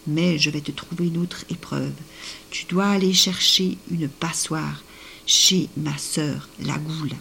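A woman's voice: sits low, steady tone, slow, vocal fry, sharp tone, slight background noise, full character voice. A woman playing a cruel mother ghoul. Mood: threatening.

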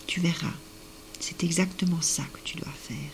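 A woman's voice: fairly low pitch, steady tone, normal speed, close to an everyday voice. A woman voicing a kind young man who gives careful advice, often in a whisper. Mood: confiding. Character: kind helpful young man, the ghoul's son.

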